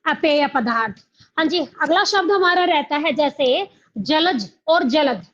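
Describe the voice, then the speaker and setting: Casting note: a high-pitched woman teacher, questions and answers her own points, captured on a dull lo-fi recording. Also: animated. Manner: asks the class questions and answers them herself; repeats key words slowly. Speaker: Hindi teacher. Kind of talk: exam coaching lecture.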